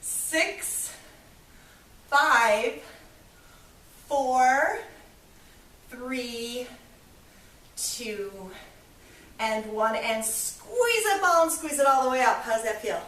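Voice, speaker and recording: A woman's voice: high-pitched, expressive, extremely slow, pauses often, fairly bright tone. A woman fitness instructor leading a workout, upbeat and encouraging as she counts reps, a little out of breath. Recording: echoey room, voice from a distance.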